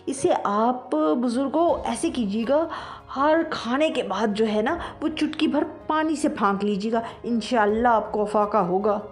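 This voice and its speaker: A woman's voice: a little high, expressive, hardly any pauses, close to an everyday voice. A woman voicing a silly young man playing healer in a comic audio story, cheeky and playful. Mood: pompous.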